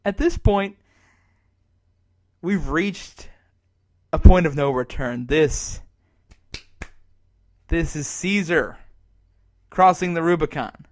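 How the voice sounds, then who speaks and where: An actor plays an emergency radio announcer in a zombie apocalypse drama, delivering a bitter, despairing monologue. His voice is on the high side, and he sounds halting, sardonic and self-berating, with a mood of defiant despair.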